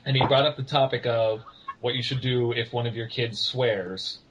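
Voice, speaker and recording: A man's voice: medium pitch, steady tone, normal speed, fairly bright tone, a little hiss or hum, poor audio. A teenage boy telling an anecdote in a casual podcast chat, hesitant and full of "like". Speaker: podcast co-host.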